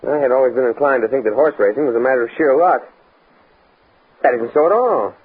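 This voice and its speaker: An actor playing an earnest, stuffy young academic in an American radio drama, speaking precisely and pedantically with an American accent. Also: male voice, medium pitch, fast talker, breathy edge, phone-quality sound, natural voice. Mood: fascinated. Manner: precise, bookish, stammers when flustered. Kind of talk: mid-century American radio drama acting. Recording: scratchy, band-limited old radio recording with noise.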